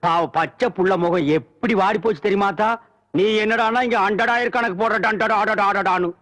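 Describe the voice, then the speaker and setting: An actor in a film comedy scene, trading sarcastic, mocking retorts in a village setting. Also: male voice, sits high, brisk, a bit bright. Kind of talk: 1980s Tamil film comedy dialogue.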